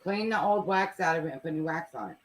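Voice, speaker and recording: A woman's voice: low-pitched, quick pace, poor audio. A woman chatting casually with friends, blunt and teasing. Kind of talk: casual chat on a call.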